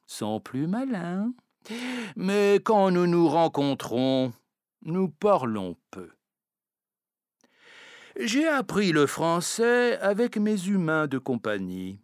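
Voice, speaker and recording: Male actor as an old, proud house cat, storybook narrator: slow, wry, melodic delivery, dry close sound. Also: fairly high pitch, no room sound, heavily acted.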